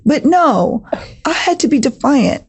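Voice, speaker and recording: A woman guest on a podcast, telling an animated, dramatic story in casual talk. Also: high voice, a little slow.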